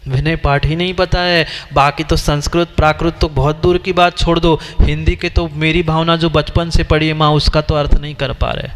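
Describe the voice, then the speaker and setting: Jain monk preaching in echoing hall. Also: male voice, a little high, flat delivery, moderate pace, few pauses, a bit bright, soft background music. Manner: questioning, scolding and teaching the audience directly. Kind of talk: sermon. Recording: long hall reverb.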